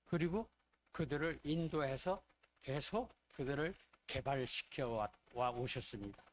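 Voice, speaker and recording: A man's voice: medium pitch, a little hiss or hum. A man pastor preaching a sermon in Korean, retelling scenes and acting out the quoted dialogue.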